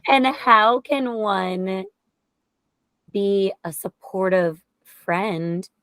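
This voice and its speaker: A woman's voice: medium pitch, extremely slow, fairly bright tone, no echo. A woman hosting a podcast, talking openly and emphatically in a heartfelt conversation. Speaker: podcast host.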